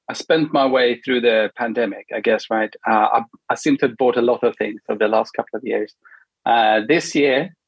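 A middle-aged product manager from Sweden chats as a guest in a casual interview, his mid-range voice somewhat husky. He speaks in a relaxed, halting manner with many ums and tag questions, and the audio is dry with no room echo.

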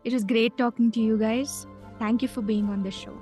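A woman's voice: on the high side, fairly even intonation, fairly quick, a little mellow, faint music behind. A woman hosting a conversational interview podcast. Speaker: podcast host.

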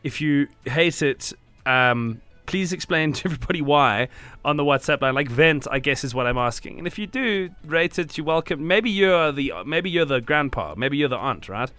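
A man's voice: fairly high pitch, lively intonation, moderate pace, hardly any pauses, bright, forceful tone, clean tone, no echo. A man hosting a radio talk show, chatting and joking with callers and co-hosts. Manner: chatty, laughing, jokey.

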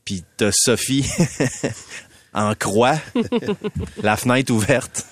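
A man in his fifties with a Québécois accent, telling stories on a morning radio show in a chatty, animated way. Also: medium pitch, drawn-out words, dry recording. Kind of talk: casual radio chat.

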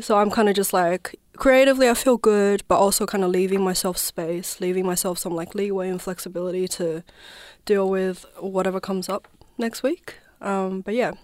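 A woman's voice: mid-range voice, dry recording. A woman from southwest China, a guest artist in a radio studio interview, talking reflectively and hedging often with "I suppose" and "like".

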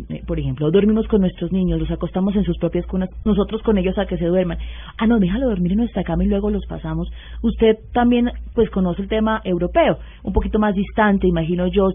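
A radio host from Colombia asking a parenting expert polite, formal questions on air. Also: male voice, sits high. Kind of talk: interviewing a guest. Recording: tinny phone-like radio sound.

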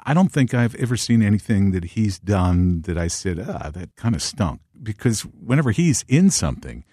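A man's voice: lowish voice, very animated, moderate pace, warm tone. A man co-hosting a podcast who chats about a movie in an easygoing, agreeable way. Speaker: podcast co-host. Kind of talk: casual film discussion.

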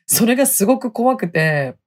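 Woman rambling on her podcast, husky voice, swings up and down a lot. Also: fairly high pitch, big pitch swings, moderate pace. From Hokkaido. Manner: chatty, laughs often, dialect sentence endings. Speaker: podcast host. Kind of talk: casual storytelling chat.

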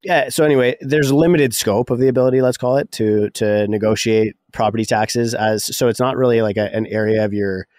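A man's voice: mid-range voice, brisk, few pauses, darkish tone, dry recording. A Canadian man co-hosting a podcast, explaining in a rambling, casual way and often interrupting himself. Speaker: podcast co-host, real estate broker.

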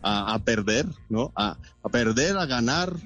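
A Colombian comedian with a Colombian Spanish accent chats casually as a guest in an interview, joking, laughing often and landing quick punchlines. His mid-range voice is animated and a bit bright, with soft music in the background.

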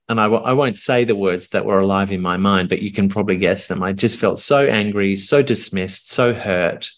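A middle-aged man working as a communication coach, talking calmly and earnestly in reflective phrases with pauses during a podcast coaching conversation. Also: lowish voice.

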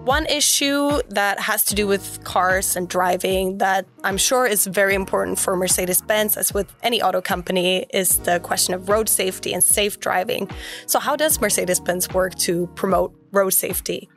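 A woman's voice: medium pitch, normal speed, fairly bright tone, faint music behind. A woman hosting a podcast interview, listening attentively with short affirmations and asking questions. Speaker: podcast host.

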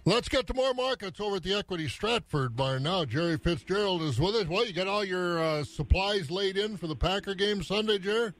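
High-pitched male farm radio host. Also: lively intonation, brisk, few pauses, a bit bright, faint music behind, poor audio. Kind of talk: radio presenting and scripted ad reads.

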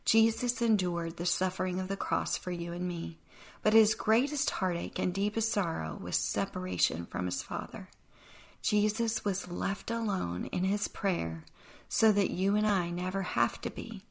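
A woman hosts a devotional podcast, teaching Scripture in a reflective, earnest manner. Her voice sits low and carries a gravelly texture. Now and then a dry, sarcastic edge slips in. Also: steady tone, a little slow. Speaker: podcast host.

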